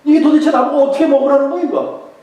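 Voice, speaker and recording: A pastor putting on a loud grumbling foreman. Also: extremely high pitch, fairly even intonation, fast talker, muffled recording, voice pushed up. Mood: grumbling loudly. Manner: blustery mock-complaining, loud. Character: gruff loud male work-site foreman, grumbling. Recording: echoey hall, far from mic.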